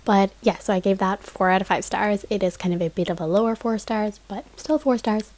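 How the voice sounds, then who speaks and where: A young woman with a mid-range voice, speaking a little fast, rambles through a casual reading vlog about her week. She's chatty, leans heavily on "like" as a filler, and laughs softly here and there.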